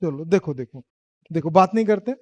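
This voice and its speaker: Male physics teacher, high voice, playful, prods students to answer. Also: animated, moderate pace, no echo. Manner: teasing, quizzing students, laughs often. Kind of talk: classroom lecture. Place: classroom.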